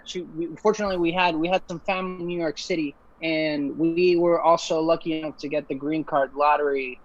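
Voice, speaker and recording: A man's voice: a little high, fairly even intonation, a little fast. A young man from Ecuador, raised in Puerto Rico, giving a casual webinar talk as a guest engineer. He speaks earnestly and loosely, with frequent fillers and restarts. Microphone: video call. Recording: muffled video-call audio.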